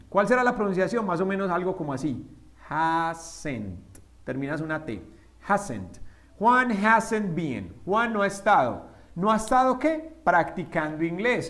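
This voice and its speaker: Spanish-speaking male English tutor, high voice, quizzes his class and answers himself, drills example sentences slowly. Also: a bit bright. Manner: asks the students questions and answers them himself; slows down to spell out English examples. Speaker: English teacher. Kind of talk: whiteboard grammar lesson.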